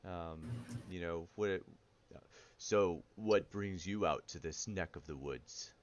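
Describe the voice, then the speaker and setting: A man voicing a shapeshifting stranger with a low, rumbly voice, making slow, casual small talk in a tabletop game. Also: dull audio. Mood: probing, folksy.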